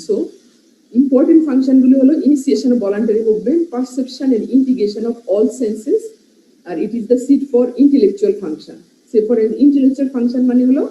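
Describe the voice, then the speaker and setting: Female medical lecturer with a Bangladeshi accent; slow, deliberate list-style delivery, muffled echoey classroom sound. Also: a little high, dark tone. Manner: explains by listing terms and checking in with "right?". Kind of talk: classroom lecture mixing Bengali and English.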